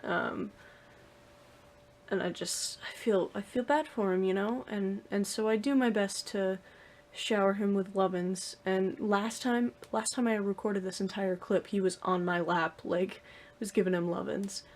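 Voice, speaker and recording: A woman's voice: mid-range voice, steady tone, measured pace. A young woman talking casually to the camera in her room at home, rambling with lots of fillers and restarts. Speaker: vlogger. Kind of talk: casual vlog talk to camera.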